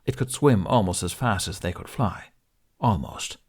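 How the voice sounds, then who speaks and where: A man with a fairly low, husky, slightly mellow voice narrates an adventure audiobook. His scripted delivery is dramatic and expressive like a storyteller's, at a normal speed.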